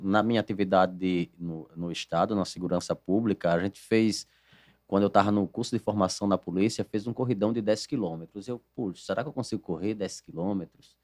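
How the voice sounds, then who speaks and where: A man with a Northeastern Brazilian accent, a podcast host who chimes in with relaxed personal stories. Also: deep voice, brisk, no echo, clean studio sound. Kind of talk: conversational podcast interview.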